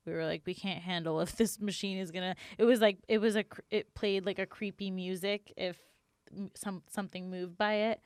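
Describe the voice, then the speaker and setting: A woman co-hosting a podcast, chatting casually in a halting way with plenty of fillers. Her voice is smooth and clear at a middle pitch, and the recording is dry and close. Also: dry recording. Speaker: podcast co-host. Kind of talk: casual chat.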